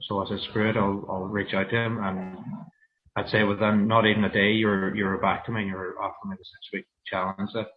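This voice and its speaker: A man with a Donegal Irish accent, speaking candidly and haltingly as a guest in a casual interview. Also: lowish voice, a little hiss or hum. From Donegal, Ireland. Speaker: interview guest, fitness programme client. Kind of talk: casual personal interview on a livestream. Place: online video meeting. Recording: muffled, lo-fi video call audio.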